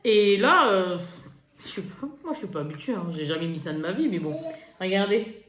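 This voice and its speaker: A woman's voice: medium pitch, normal speed. A woman vlogger showing off her makeup haul in a casual, chatty way, laughing often and poking fun at herself. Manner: chatty, laughing, lively, self-mocking. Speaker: beauty vlogger. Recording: echoey room with faint noise.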